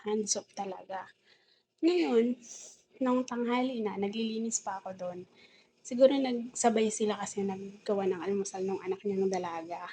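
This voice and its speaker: A woman's voice: medium pitch, moderate pace, mellow, slight background noise, low-quality recording. A woman with a Filipino accent telling a rambling, aggrieved story in a casual vlog, mixing English words into her talk. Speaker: domestic helper vlogger.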